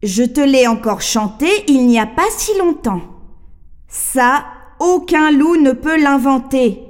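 Woman as a gently coaxing mother. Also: high-pitched, lively intonation, takes it slowly. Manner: soft and coaxing, sing-song rhyme.

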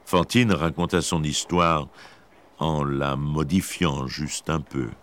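Deep-voiced male storyteller. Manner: measured, expressive storytelling. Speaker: narrator. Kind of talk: scripted storybook narration.

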